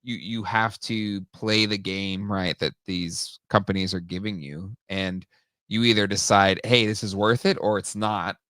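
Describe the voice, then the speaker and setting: A man hosting a casual talk show, with a lowish, bright and forceful voice. He rambles along with plenty of ums and restarts, and he is recorded on a close, dry mic. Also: fairly even intonation, unhurried, no room sound. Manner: rambling, many fillers and restarts. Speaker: podcast host. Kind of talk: casual chat.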